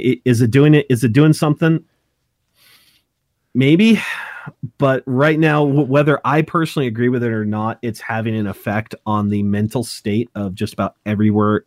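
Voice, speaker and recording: A man's voice: lowish voice, a little mellow, dry recording. Montana guy in his 30s, casual chat, keeps restarting sentences, dry sound. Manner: halting, many restarts and self-corrections. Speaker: podcast co-host.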